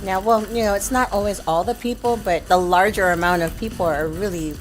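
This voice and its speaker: A woman's voice: mid-range voice, brisk, slight background noise. A woman game streamer chatting casually on a livestream.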